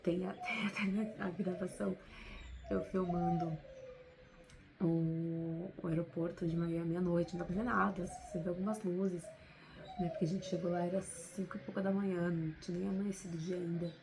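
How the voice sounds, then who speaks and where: A woman's voice: on the low side, little pitch movement, normal speed, vocal fry, noisy background. A woman with a Brazilian Portuguese accent, talking to camera in an unscripted, heartfelt motivational vlog, often adding little tag questions. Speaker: vlogger.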